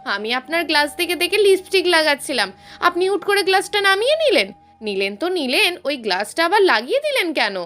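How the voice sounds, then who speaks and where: A woman's voice: very high-pitched, sing-song, fairly quick, soft background music, pitched above the performer's own voice, exaggerated voice. A woman voicing a hot-tempered, quarrelsome young college girl. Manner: sharp and quarrelsome.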